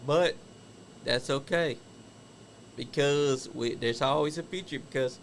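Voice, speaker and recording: A man's voice: a little high, a bit bright, a little hiss or hum. A man hosting a casual wrestling talk show, commenting on old match footage in an opinionated, chatty way. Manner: chatty, opinionated, laughs at stories. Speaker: host.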